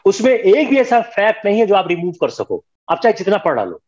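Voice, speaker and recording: Brief: older male lecturer, high lively voice, stern classroom manner, dull lo-fi recording. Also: brisk. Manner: firm, scolding, mixes Hindi with English. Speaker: history teacher.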